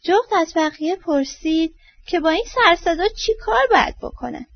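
A woman storyteller reading a children's story aloud, expressive and trailing off softly at line ends. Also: very high voice, no echo. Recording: dull lo-fi dry recording.

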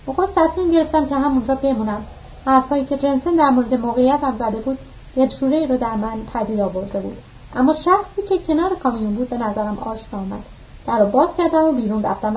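A woman reading an audiobook aloud, narrating the story and voicing the dialogue lines with mild shifts of pitch. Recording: muffled lo-fi recording.

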